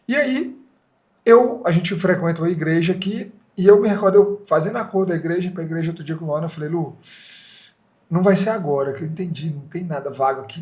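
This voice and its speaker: A man with a Brazilian Portuguese accent, an entrepreneur telling a story in a casual interview and acting out the dialogue. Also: on the high side. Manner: animated, acts out dialogue in quoted voices. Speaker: franchise entrepreneur guest.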